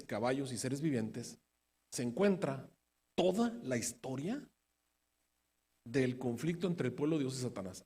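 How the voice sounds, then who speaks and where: A man preaching a Bible study, firing rhetorical questions at his listeners and swinging between emphatic bursts and quiet asides. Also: medium pitch, slightly rough. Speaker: preacher teaching prophecy. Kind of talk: sermon-style Bible study. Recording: long hall reverb.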